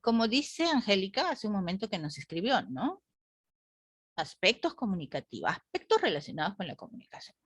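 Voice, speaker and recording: A woman's voice: mid-range voice, very animated, fairly quick, a bit bright, husky, no echo. A woman teacher lecturing a class online, asking the group rhetorical questions and often adding "¿no?".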